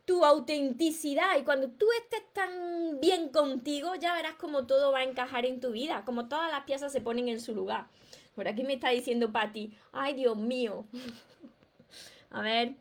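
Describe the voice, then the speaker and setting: Speaking in a high voice with a Peninsular Spanish accent, a self-help author hosts a live stream. She greets viewers by name and offers emphatic, encouraging advice.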